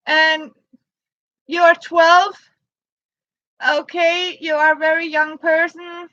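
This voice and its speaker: A Danish woman in her fifties, a non-native English speaker, chatting on a live crafting stream in halting, simple English and greeting viewers by name. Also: very high voice, little pitch movement, bright, forceful tone, dry recording, lo-fi sound. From Denmark. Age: 50s. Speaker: livestream crafter.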